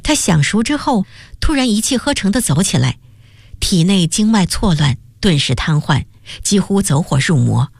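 A woman reads a novel aloud for radio, her measured storytelling rising and falling through a lively melody. Her voice sits a little low, and the studio sound is close and dry. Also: creaky, husky, dry recording.

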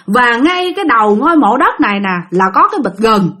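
A woman with a Southern Vietnamese accent narrating a ghost story, talking lively and addressing her listeners directly. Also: a little high, fairly quick.

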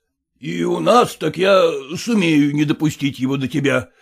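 A man voicing a stern elderly father who coaxes his daughter in a gruff, insistent way. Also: fairly high pitch, moderate pace, exaggerated voice.

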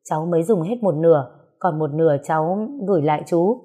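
A woman's voice: low voice, brisk, slightly rough. A woman reading a story aloud, voicing a shy, anxious young woman who talks hesitantly. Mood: timid. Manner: hesitant, soft, stammering.

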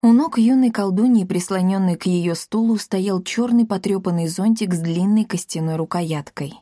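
A woman narrating a children's adventure audiobook in a lively, dramatic reading style. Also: medium pitch, moderate pace, no echo, studio quality. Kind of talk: expressive storybook reading.

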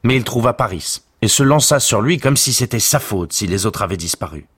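A man reading a literary narration in a measured, solemn way. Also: medium pitch, animated, fairly bright tone, breathy edge.

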